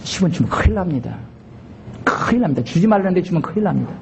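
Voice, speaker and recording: A male pastor delivering a Sunday sermon, emphatic, swinging between shouted exhortation and quiet conversational asides. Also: high-pitched, very animated, fast talker, gravelly, background noise. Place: church sanctuary.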